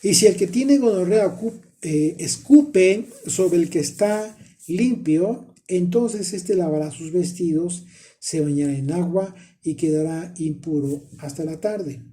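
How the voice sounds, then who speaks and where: A man's voice: fairly high pitch, mellow. A man teaching a Bible study, reading scripture aloud and explaining it, often restarting his phrases.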